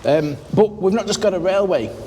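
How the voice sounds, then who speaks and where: A man's voice: sits high, lively intonation, normal speed, dark tone, a little hiss or hum. A man co-hosting a casual walking history vlog, talking under an old bridge outdoors with a slight echo. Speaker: co-host.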